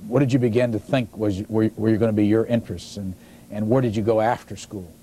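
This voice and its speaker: A male interviewer in a TV studio puts measured questions to his guest. His voice sits fairly low with a dark, mellow tone. Faint hiss runs under the studio sound. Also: fairly even intonation. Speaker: interviewer, host.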